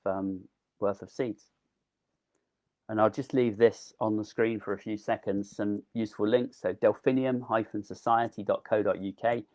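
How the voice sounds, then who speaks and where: With a lowish, darkish voice, a delphinium grower delivers a casual live gardening talk online. He's enthusiastic and talkative, saying um often, and he's clearly losing his voice.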